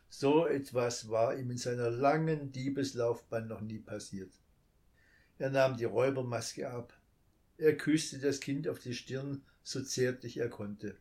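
A male storyteller reading a children's tale aloud, calm and measured. He speaks very slowly, in an even middle-pitched voice, pausing gently between phrases. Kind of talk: scripted story narration.

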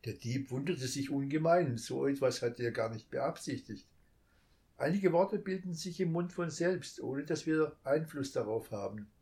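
A man narrating a children's story in a calm, measured reading. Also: mid-range voice.

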